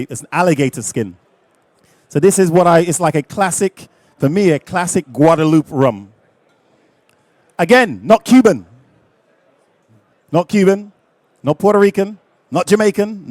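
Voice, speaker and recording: Man, middle-aged, rum tasting host, jokey, talks with the crowd, slightly high voice, dry sound. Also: no echo. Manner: lively, jokey, chats with the audience. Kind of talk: live tasting talk to an audience.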